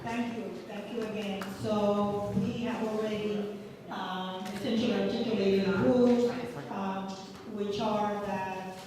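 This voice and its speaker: A woman moderating a candidate forum, measured and formal with frequent ums. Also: mid-range voice, fairly even intonation, noisy background. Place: community center hall. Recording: echoey hall, from far off.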